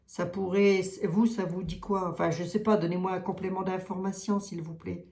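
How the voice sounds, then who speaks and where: A woman's voice: on the low side, steady tone, moderate pace, warm tone. Woman with a Lorraine accent reading tarot. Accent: Lorraine French. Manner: thinks aloud, questions the cards, many hesitations. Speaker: tarot card reader. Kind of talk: casual tarot reading monologue. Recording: roomy echo.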